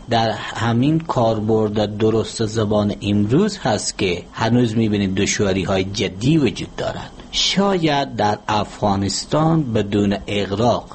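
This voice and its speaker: A man with an Afghan Dari accent, a language expert answering interview questions in a measured, lecturing way with frequent hesitant pauses. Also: on the low side, darkish tone, slight background noise.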